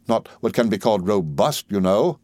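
A man's voice: animated, normal speed, a little mellow, no echo. A man voicing a fussy, overbearing old widow who gushes and talks with heavy emphasis. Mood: gushing. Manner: shrill, emphatic, gushing. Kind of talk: audiobook character reading.

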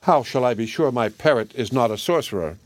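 A man's voice: medium pitch, expressive, fairly quick, no echo, close to an everyday voice. A man voicing a proud young fairy-tale princess in a storybook reading, with a haughty manner.

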